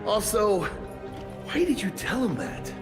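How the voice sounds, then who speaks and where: An actor playing a sardonic male engineer who talks in quick sarcastic quips. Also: sits high, huge pitch swings, exaggerated voice. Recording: game music behind.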